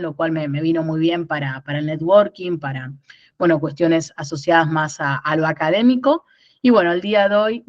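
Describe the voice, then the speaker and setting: A woman's voice: fairly low pitch, no echo, muffled recording. A woman in her thirties from Rosario, Argentina, with a Rosario accent, explaining things in an online workshop and often checking in with "¿no?". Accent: Rosario Argentine Spanish. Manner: explanatory, repeats words and asks "¿no?". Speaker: workshop instructor.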